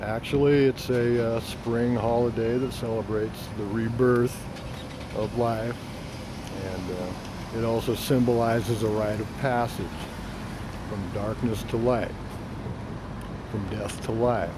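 Older man, slow deliberate explaining, street interview, heavy traffic noise. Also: mid-range voice, fairly even intonation. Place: outdoors by a painted block wall.

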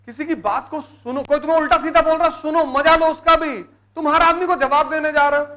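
A man's voice: very high-pitched, steady tone, a little fast, sharp tone. A man with a North Indian Hindi accent giving a motivational classroom lecture to exam students, emphatic and repeating his key words. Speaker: civil services exam teacher. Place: live classroom session.

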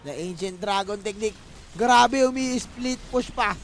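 A young man with a Filipino accent giving excited, joking live game commentary, mixing in English phrases. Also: high voice, a little slow, soft background music. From Philippines. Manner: joking, playful, mixes English phrases, bursts into excited yells. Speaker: esports commentator.

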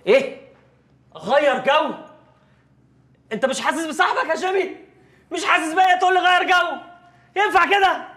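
A drunk, heartbroken Egyptian young man rants in a high, bright, fast voice. He keeps yelling the same questions over and over in a roomy, echoing space. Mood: ranting. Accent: Egyptian Arabic. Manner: loud repetitive ranting, shouting questions. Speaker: jilted friend ranting.

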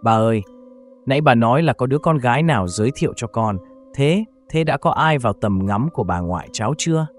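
A man's voice: medium pitch, expressive, a little fast, soft background music, natural voice. A man voicing a curious, affectionate young grandson in a narrated horror story, asking eager questions.

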